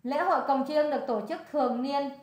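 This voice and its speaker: High-voiced Vietnamese woman tutoring. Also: fairly quick, a little mellow. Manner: coaxing, repeats answers, switches between Vietnamese and English words. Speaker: English tutor. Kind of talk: one-on-one tutoring session. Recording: echoey room.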